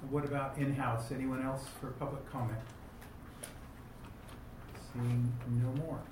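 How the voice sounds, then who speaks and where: A man chairs a county board meeting, moving items along in a brisk, procedural way with a few fillers. He is picked up from a distance in an echoey hall, with room noise underneath. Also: mid-range voice, flat delivery.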